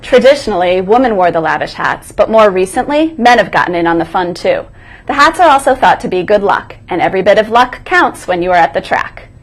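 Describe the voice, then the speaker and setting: Female co-host for a school morning broadcast, scripted announcement read, medium pitch. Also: animated, fairly quick.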